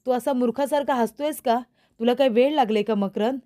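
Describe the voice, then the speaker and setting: A woman's voice: a little high, fairly quick, mellow, lightly acted. A woman voicing a young woman who angrily confronts a man and demands answers, in a serial recap. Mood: confronting.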